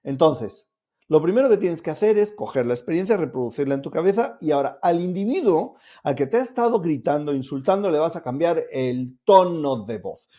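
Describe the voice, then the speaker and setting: A man's voice: fairly high pitch, lively intonation, a little fast, mellow. A man giving a self-help lesson to camera, explaining steps directly to the viewer in an upbeat, coaxing way. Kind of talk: instructional talk to camera.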